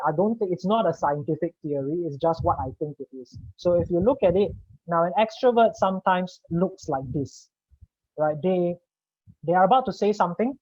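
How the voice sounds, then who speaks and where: A man's voice: sits high, a little mellow, no room sound. A man from Singapore leading an online workshop, explaining patiently and checking in with his listeners as he goes. His voice comes through a dull, lo-fi video call with a dry, close sound. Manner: explanatory, addresses the audience with "right?". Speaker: communication coach presenting a webinar. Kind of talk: webinar presentation.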